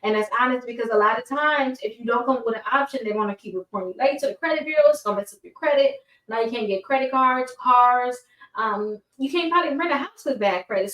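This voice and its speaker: Higher-voiced woman talking with braces. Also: fairly bright tone. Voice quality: speech slightly hampered by dental braces. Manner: chatty, informal direct address with stumbles and self-corrections. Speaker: host of a personal finance course. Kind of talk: casual instructional talk to viewers. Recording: roomy, echoey, far from mic.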